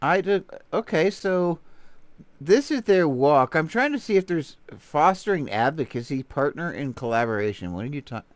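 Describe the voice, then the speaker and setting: A man with a Texan accent hosts a casual livestream, rambling playfully and greeting viewers while he browses. His fairly high voice is sing-song at a moderate pace, with no room sound.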